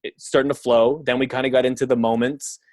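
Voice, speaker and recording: A Canadian filmmaker appears as a podcast guest, talking casually and rambling with plenty of fillers and the odd swear word. His mid-range voice is flat, fast and a little mellow. There is no room sound.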